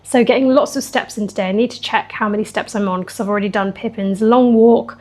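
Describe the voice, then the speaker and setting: A young woman chatting casually in a fitness vlog, emotional and quick to laugh. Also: medium pitch, steady tone, darkish tone. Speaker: fitness vlogger.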